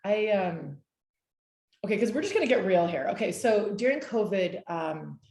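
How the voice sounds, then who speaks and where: A woman's voice: medium pitch, very animated, moderate pace, a little mellow, echoey room. A woman in her forties leading a discussion over a video call, earnest and rambling, with frequent restarts. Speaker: discussion leader. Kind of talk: casual video-call chat.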